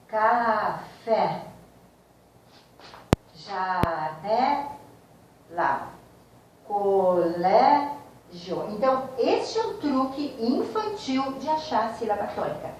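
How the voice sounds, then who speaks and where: A woman teacher, giving a slow, explanatory grammar lesson and speaking directly to her students. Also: high-pitched, sing-song, a little mellow, distant mic, a little hiss or hum. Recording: very echoey room, voice from off mic.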